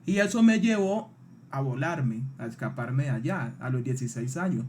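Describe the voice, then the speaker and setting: A man's voice: medium pitch, expressive, moderate pace, darkish tone, a little hiss or hum. A man in his twenties with a Colombian accent, a streamer earnestly telling his own life story and speaking straight to his listeners. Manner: earnest, heartfelt, often addressing the listeners directly. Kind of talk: personal life story told to a live audience.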